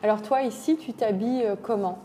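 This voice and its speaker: Mellow-voiced woman interviewer, faint ambience. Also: fairly high pitch, a little fast, big-room sound, a little hiss or hum. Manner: prompting, brief questions and backchannels. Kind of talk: casual interview.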